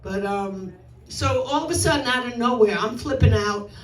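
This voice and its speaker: At a little high pitch and normal speed, a woman in her sixties from New York does a brash stand-up routine mocking herself on a club stage. The sound is roomy and captured from far off.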